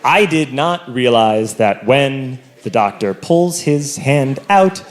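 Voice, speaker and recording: Animated male stand-up storyteller. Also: takes it slowly. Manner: animated, theatrical, shifts between loud bursts and low asides. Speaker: stand-up comedian.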